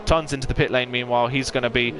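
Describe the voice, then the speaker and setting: A male esports commentator calls a sim race live. He speaks at a rapid clip, in a fluent and detailed play-by-play, with a middling pitch for a man. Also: fairly even intonation, noisy background.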